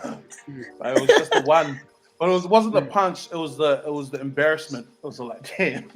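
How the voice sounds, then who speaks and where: A man with a New Zealand accent, a youth worker co-hosting a casual livestream, animated and laughing as he tells stories. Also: on the high side, moderate pace, soft background music. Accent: New Zealand English. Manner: animated, laughing, acts out quotes. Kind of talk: casual group chat.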